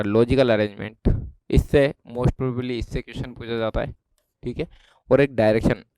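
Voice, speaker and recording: A man's voice: mid-range voice, dark tone, clear, resonant tone, no echo. A man with a Rajasthani Hindi accent explaining an exam syllabus in a chatty lesson, often checking that his students follow. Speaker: exam prep teacher.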